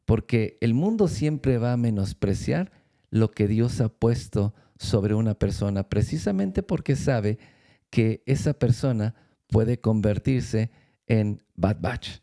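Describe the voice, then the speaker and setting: A man speaks as a church speaker in a faith-based talk, his voice gravelly with a deep, mellow darkness. He tells stories at an unhurried pace, pausing often and restarting his phrases as he gathers his thoughts. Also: lively intonation. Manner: storytelling with many pauses and restarts.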